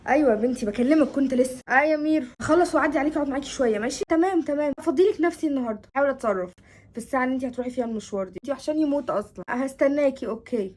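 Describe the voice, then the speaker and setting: A young woman with an Egyptian accent, acting out several friends in a comedy sketch with quick, expressive delivery. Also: high voice, breathy edge. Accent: Egyptian Arabic.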